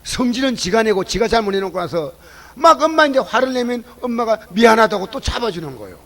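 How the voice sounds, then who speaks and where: A man preaching a sermon at a church service. He questions the congregation and swings between loud exclamations and low asides. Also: sing-song, quick pace, low-quality recording. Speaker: pastor.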